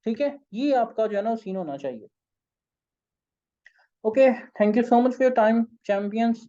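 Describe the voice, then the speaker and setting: A hoarse, tired man with a Pakistani accent, leading an online sales training session in an informal, coaxing way. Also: very high voice, expressive, slow, dark tone, lo-fi sound. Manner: informal, coaxing, keeps saying "okay". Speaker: sales trainer and company founder.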